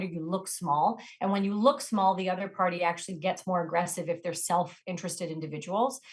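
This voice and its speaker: Woman giving direct negotiation advice. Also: medium pitch. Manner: direct, emphatic, instructive. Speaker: negotiation trainer and author. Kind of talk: interview answers, coaching advice.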